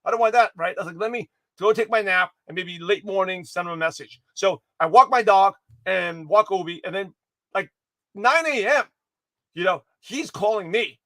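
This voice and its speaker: A motivational speaker gives his daily pep talk to livestream viewers, energetic and rambling, with many restarts and self-corrections. His high-pitched voice is hoarse and slightly raspy, moving at a normal speed, in a dry recording.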